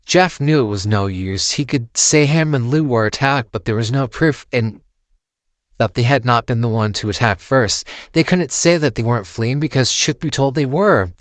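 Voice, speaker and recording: A man's voice: mid-range voice, no room sound. A man narrating a horror story, reading it aloud as a storyteller.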